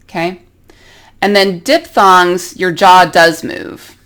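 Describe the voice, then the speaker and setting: A woman's voice: lowish voice, steady tone, slow, fairly bright tone. A woman with an American accent teaching an English pronunciation lesson, carefully demonstrating each vowel sound.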